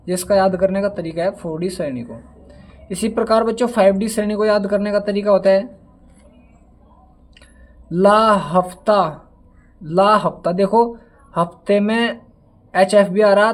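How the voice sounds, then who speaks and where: Young man, chemistry teacher, high voice, chatty, trips over long words. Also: darkish tone. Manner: chatty, addresses students as dear children; stumbles over element names, says sorry. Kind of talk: casual classroom lesson with mnemonics.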